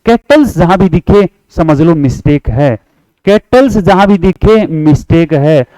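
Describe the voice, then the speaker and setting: A man with a Haryanvi Hindi accent runs an English grammar class for exam prep, reading example sentences slowly, repeating points and prompting students to answer along. His voice is on the high side and dark, with lively intonation. The recording is low quality with no room sound.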